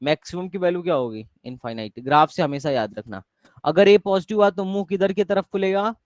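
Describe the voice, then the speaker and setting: A young man teaches a live math class, repeating his questions and asking the students to answer. His voice sits a bit high. The sound is dry and dull, like an online call. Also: animated, brisk, no room sound. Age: young adult.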